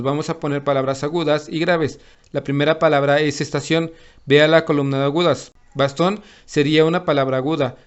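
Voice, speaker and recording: A man reading a lesson summary aloud, steady and explanatory. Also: fairly high pitch, clear, resonant tone.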